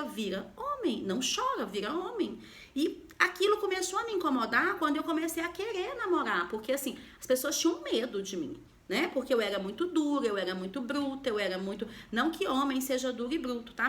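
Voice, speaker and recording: A woman's voice: high-pitched, a bit bright. A woman from Goiânia, a mother, giving a motivational talk on emotional health and firing direct rhetorical questions at the viewer. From Goiânia, Brazil. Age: adult, mother of a daughter.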